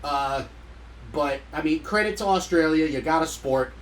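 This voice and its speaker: Blunt, jokey man with a high voice. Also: moderate pace, slight background noise, low-quality recording. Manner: blunt, jokey, swears casually. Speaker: podcast co-host. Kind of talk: casual sports chat.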